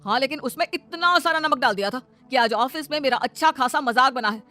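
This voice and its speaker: A woman's voice: high voice, brisk, sharp tone. A woman voicing a young office-going husband who pleads with his wife and then scolds her, in a cartoon story. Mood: scolding. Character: young husband, office worker, short-tempered. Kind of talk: cartoon voice acting.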